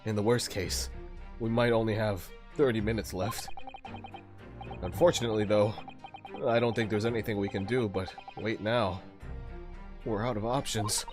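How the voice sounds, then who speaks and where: A man's voice: on the low side, steady tone, normal speed, long pauses, over music, voice pushed down. A man voicing a young male defense lawyer in a game playthrough, speaking into a cup so his voice sounds muffled and hollow. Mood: grave. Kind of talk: fan voice-over of a game playthrough.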